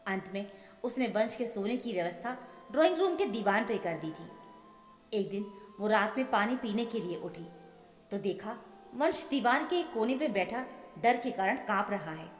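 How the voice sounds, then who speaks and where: A woman telling a scripted emotional family story in an earnest, measured manner. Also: mid-range voice, expressive. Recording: echoey with long reverb, soft music. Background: soft background music.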